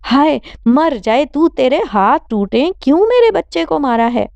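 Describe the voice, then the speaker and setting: A woman voicing a fierce, doting mother who wails and scolds in a sharp-tongued way. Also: a little high, smooth, dry recording, lo-fi sound, close to an everyday voice. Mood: shrill, outraged. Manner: wailing, cursing, sharp-tongued.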